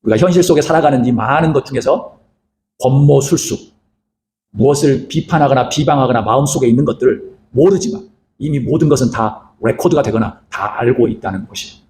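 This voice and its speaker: A man's voice: mid-range voice, brisk, echoey room, slight background noise. A male pastor preaching a sermon, retelling scripture and asking rhetorical questions. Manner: animated, rhetorical questions, acts out quoted lines.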